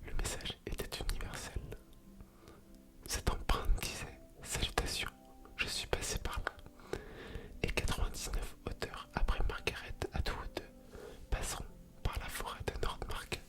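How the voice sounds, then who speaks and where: A woman hosting ASMR in a soft, unvoiced library whisper, reading aloud and commenting casually. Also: measured pace, long pauses. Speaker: ASMR video creator and host.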